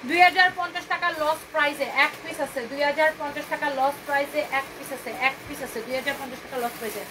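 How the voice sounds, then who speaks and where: A woman hosts a live clothing sale in a high, rapid voice. She pushes each item with a chatty, repetitive pitch and mixes English phrases into her talk. A faint hum of the room sits under her voice. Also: fairly even intonation. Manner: bantering with viewers' comments. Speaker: boutique owner hosting a live sale. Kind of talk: live-stream sales pitch.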